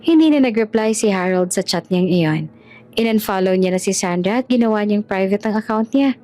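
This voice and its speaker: Woman storyteller, mid-pitched, steady scripted narration, faint music under. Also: moderate pace.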